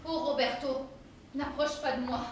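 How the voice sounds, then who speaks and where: A frightened, grieving mother, played by a woman who pleads and turns shrill when scared. Her voice carries through a very echoey hall from far off the mic, over steady noise. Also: unhurried. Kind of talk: stage play performance. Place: theatre stage.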